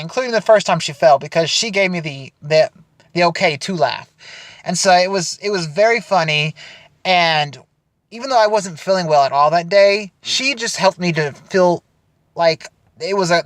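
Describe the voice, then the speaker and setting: A young man telling a funny story casually to the camera for an audition, animated and chatty. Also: sits high, dry recording. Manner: animated, chatty, frequent restarts and laughter. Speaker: audition video speaker.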